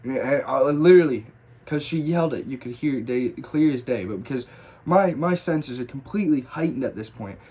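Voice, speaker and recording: A man's voice: mid-range voice, brisk, husky. A man telling a personal story in casual, rambling style, with lots of swearing and restarts. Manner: profane, rambling, animated retelling. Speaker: graffiti storyteller.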